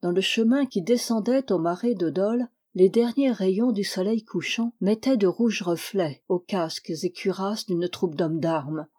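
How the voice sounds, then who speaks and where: Mellow-voiced woman reading a novel aloud. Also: medium pitch, breathy edge. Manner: steady, measured reading, lifting the voice for quoted dialogue. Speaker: audiobook reader. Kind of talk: audiobook narration of a historical novel.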